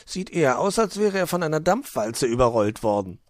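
Brief: man playing a mocking little goblin, pitched up, playful jabs. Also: big pitch swings, dry recording. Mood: teasing. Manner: teasing, quick-witted.

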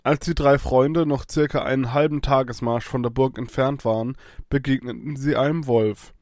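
A man calmly narrating a children's fairy-tale adventure. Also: medium pitch, normal speed, no room sound, clean studio sound. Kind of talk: children's story reading.

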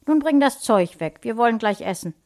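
A woman's voice: fairly high pitch, expressive, moderate pace, darkish tone. A woman voicing a stern mother in her late thirties who scolds her children firmly. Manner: firm scolding tone.

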